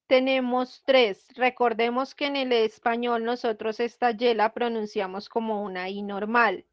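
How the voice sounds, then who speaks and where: Slow, high-voiced woman teacher. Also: steady tone, dry recording, clean studio sound. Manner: patient, asks students questions. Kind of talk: online class explanation.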